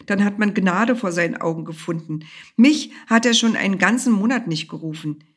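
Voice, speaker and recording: Woman voicing a young clever queen, soft, breathy, husky. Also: medium pitch, normal speed, lightly acted. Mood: worried.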